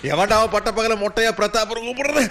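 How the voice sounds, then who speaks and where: An actor playing a lazy, sarcastic police inspector who rambles through excuses in a film comedy. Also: male voice, high voice, fast talker, natural voice.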